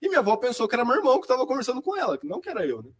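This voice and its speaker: Fast-talking young man, high voice. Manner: chatty, slangy storyteller, quick and lively. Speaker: seminarian guest. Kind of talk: personal testimony in casual chat.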